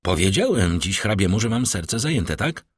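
A man's voice: fairly low pitch, sing-song, moderate pace, breathy edge, no room sound. A man reading the part of an earnest, lovestruck young army captain. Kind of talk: audiobook character reading.

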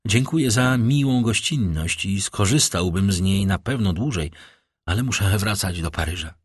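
A man's voice: fairly low pitch, animated, moderate pace, husky, no echo, studio quality. A man voicing an agitated young nobleman who speaks with urgent, shaken pleading.

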